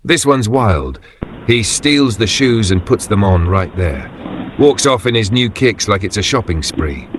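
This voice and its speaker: A man's voice: on the low side, animated, unhurried, background noise. A man narrating video clips in a casual scripted commentary style, with slangy, wry wording and short punchy phrases.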